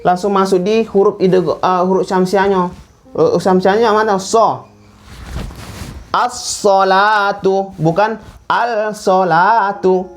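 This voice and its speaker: A man teaching Quran recitation rules in a classroom lesson, stretching words out slowly to demonstrate pronunciation. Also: high voice, steady tone, a little mellow.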